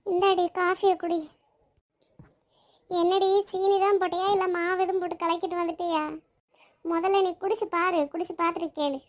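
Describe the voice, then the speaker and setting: A woman voicing a group of chatty, emotional young women friends in a cartoon, with quick scolding banter that turns tearful. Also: very high voice, level tone. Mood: teasing. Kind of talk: animated cartoon voice acting.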